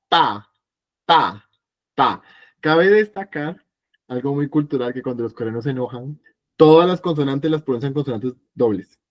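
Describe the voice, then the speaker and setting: A man's voice: mid-range voice, darkish tone. Patient man teaching a language class. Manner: patient, repeats sounds slowly for students. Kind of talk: online class lesson.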